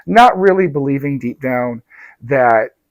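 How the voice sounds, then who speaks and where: A man's voice: mid-range voice, lively intonation, unhurried, no echo. A man who reads tarot telling a fable in a casual, conversational way, often tossing in "right?". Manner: conversational, tag questions, addresses listeners as dark and lovely souls. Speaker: tarot reader and storyteller. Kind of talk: casual storytelling to followers.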